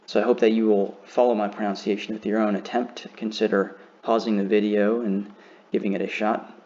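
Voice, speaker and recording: A man teaching a beginner lesson, slowly and carefully demonstrating how each word is pronounced. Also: on the low side, little pitch movement, mellow, muffled recording. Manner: slow, careful demonstration of pronunciation.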